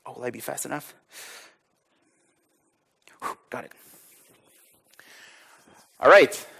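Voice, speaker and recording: A man presents a live tech talk, walking the audience through browser demos. He speaks casually in a middle-pitched voice, with plenty of ums and small chuckles between points. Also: takes it slowly, creaky, bright, forceful tone, husky. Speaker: conference speaker. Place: conference hall with audience.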